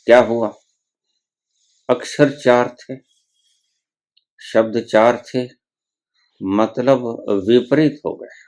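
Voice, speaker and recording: Slow-paced man giving a spiritual discourse. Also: mid-range voice, darkish tone. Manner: slow, measured, recites verses then explains, rising emphasis. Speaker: spiritual teacher.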